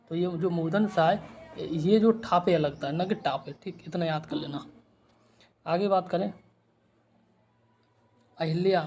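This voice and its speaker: A man with a fairly high voice teaches Hindi spelling one word at a time. He spells letters out slowly and checks in after every point. A faint hiss of background noise sits under his voice. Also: darkish tone. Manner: explains word by word, repeating "ठीक" after each point.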